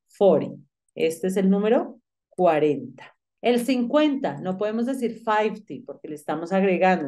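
A woman teaching English numbers, speaking to the student directly and repeating each number slowly so it can be drilled. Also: medium pitch, warm tone. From Colombia. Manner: addresses the student directly, with frequent "pilas" and "listo". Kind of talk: online English lesson.

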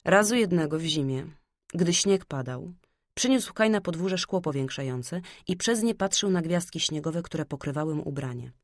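A woman narrating a fairy-tale audiobook in a calm, measured storytelling manner. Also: low voice, dry recording, studio quality.

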